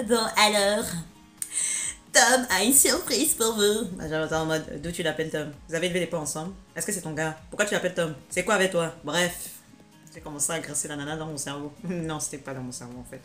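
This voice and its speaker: Young female vlogger, slightly low voice, excitable storyteller, light music bed. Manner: animated, exaggerated slangy storytelling with big swings in energy. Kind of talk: casual storytelling vlog.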